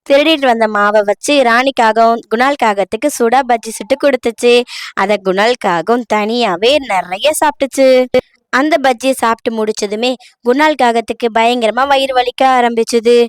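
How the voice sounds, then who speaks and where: A woman's voice: a little high, smooth, dry recording. Woman narrating a cartoon moral story.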